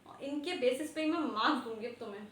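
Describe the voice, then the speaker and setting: A woman's voice: on the high side, fast, a bit bright. A woman schoolteacher scolding her class in a stern tone, mixing in English words. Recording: echoey classroom, faint background noise.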